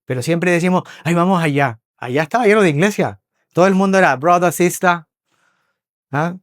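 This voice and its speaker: A man from Spain preaching a sermon, telling lively stories, acting out voices and often checking in with his listeners. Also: high-pitched, a little fast, no echo, studio quality. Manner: animated storyteller, acts out voices, checks in with listeners. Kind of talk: sermon with storytelling. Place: church hall.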